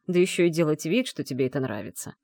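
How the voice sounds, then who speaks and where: A woman reading an audiobook, voicing a calm young man who speaks quietly and insistently. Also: sits low, fast, no echo, studio quality. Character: calm persuasive young male lord.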